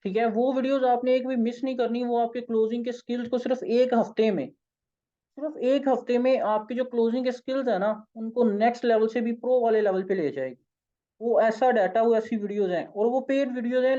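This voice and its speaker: A hoarse, tired man with a Pakistani accent, leading an online sales training session in an informal, coaxing way. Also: very high voice, warm tone, lo-fi sound. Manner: informal, coaxing, keeps saying "okay". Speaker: sales trainer and company founder.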